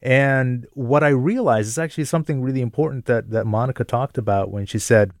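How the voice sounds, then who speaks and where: A man from Jordan telling personal stories in a relaxed radio conversation, thoughtful and quick to laugh. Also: mid-range voice, no echo, studio quality. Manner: thoughtful, self-reflective, laughs easily.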